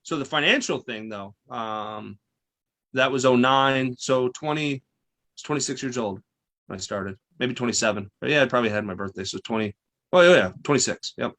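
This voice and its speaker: Man, forties, podcast guest, bright forceful voice, animated storyteller, trips over his words. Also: medium pitch, moderate pace. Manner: intense, animated storytelling with frequent restarts. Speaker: guest financial advisor and radio host. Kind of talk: casual interview chat.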